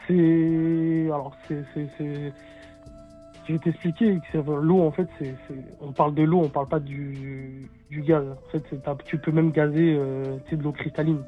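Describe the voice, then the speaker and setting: A man calling in and explaining things casually and informally, halting and repeating himself as he goes. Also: on the high side, flat delivery, phone-quality sound, faint music behind. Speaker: caller, water technician.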